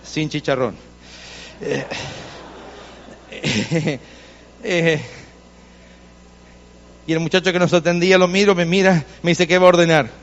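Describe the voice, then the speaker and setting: A man's voice: a little high, slow pace, pauses often, in a large hall, highs cut off, slight background noise. A male pastor preaching a sermon in a church, telling stories to the congregation and addressing them directly, with insistent repetition.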